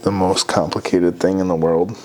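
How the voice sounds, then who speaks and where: A man giving a casual hands-on how-to, talking haltingly as he thinks aloud while working. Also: low voice, little pitch movement, mellow, a little hiss or hum, poor audio. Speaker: host of a hunting and craft how-to show. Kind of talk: casual hands-on tutorial narration.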